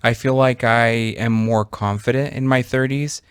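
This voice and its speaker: A man in his thirties chats as a podcast co-host. His voice sits at an ordinary middle pitch and the sound is dry and close. He rambles thoughtfully and leans on fillers as he talks. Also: fairly even intonation, normal speed, clean tone, no echo. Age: 30s. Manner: reflective, rambling with many fillers. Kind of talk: casual chat.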